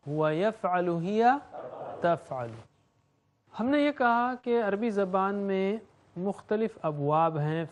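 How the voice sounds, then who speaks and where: A man teaching Quranic Arabic grammar, drilling verb forms in a rhythmic chant and explaining in between. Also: high voice.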